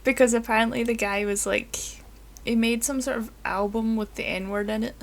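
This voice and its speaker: A woman's voice: fairly high pitch, steady tone, normal speed. Playful woman co-hosting a podcast. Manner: playful, laughs easily, teasing. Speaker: podcast co-host. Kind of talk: casual chat.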